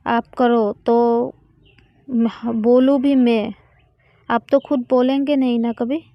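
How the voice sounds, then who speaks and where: A woman voicing an upset young college woman who accuses her friend, in a reproachful, drawn-out way. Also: on the high side, fairly even intonation, dry recording, lo-fi sound. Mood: hurt, accusing.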